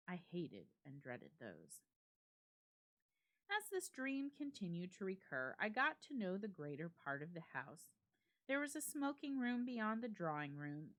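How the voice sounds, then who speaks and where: With a somewhat low pitch and a strongly animated melodic line, a woman from the library reads a classic ghost tale aloud. The reading is measured and expressive, its phrasing deliberate and punctuated by pauses.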